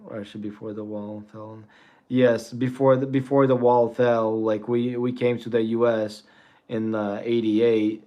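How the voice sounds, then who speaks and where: A man's voice: fairly low pitch, flat delivery, measured pace, dull audio. A man in his forties, born in Russia and raised in the US, chatting casually on a trading livestream, rambling and thanking viewers with frequent chuckles. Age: 40s.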